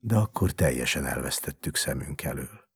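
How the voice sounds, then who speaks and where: A man narrating a story in an expressive, measured dramatic reading. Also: very deep voice, husky, no room sound, clean studio sound.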